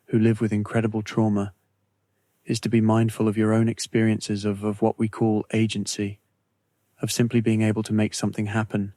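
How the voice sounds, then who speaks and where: In this guided meditation, a fairly low-voiced man narrates from a script in a very even, unwavering tone. Phrases come out one at a time, separated by calming pauses, in a close, dry recording free of any room echo.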